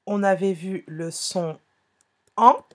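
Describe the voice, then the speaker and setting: A woman's voice: mid-range voice, takes it slowly, fairly bright tone. A woman teaching a phonics lesson to young children, speaking patiently, repeating herself and correcting small slips.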